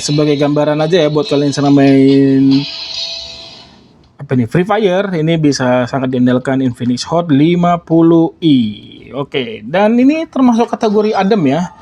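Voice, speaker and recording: A man's voice: a little high, normal speed, warm tone, dull audio, faint music behind. A man giving casual, informal gameplay commentary as a gaming phone reviewer, often tagging his statements with a small confirming word.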